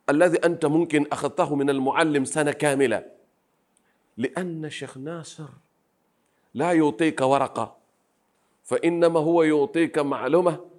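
A man from Pemba, by birth, answers an interviewer's questions. He speaks earnestly and humbly in a soft voice and often restarts his phrases. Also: medium pitch. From Pemba, Zanzibar. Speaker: Arabic grammar teacher, interview guest. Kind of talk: interview conversation.

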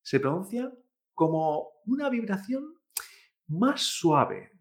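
A man's voice: high-pitched, big pitch swings, slow pace. A man from teaching pronunciation, patiently repeating each sound aloud and checking in with listeners after every example. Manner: patient, demonstrates sounds by repeating them, frequent "¿eh?" tags. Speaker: Chinese language teacher. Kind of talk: pronunciation lesson.

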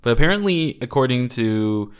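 A man's voice: mid-range voice, normal speed, clear, resonant tone. A man co-hosting a podcast, chatting casually and sharing trivia he has read. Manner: relaxed, conversational, cites trivia he read. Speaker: podcast co-host. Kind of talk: casual chat.

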